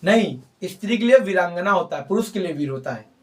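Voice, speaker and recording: A male teacher leads a grammar class and quizzes his students as he goes. His pitch swings up and down a lot. He sounds a little far from the mic. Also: expressive, brisk, a little mellow. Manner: coaxing, repeats points, quizzes students with mock answers.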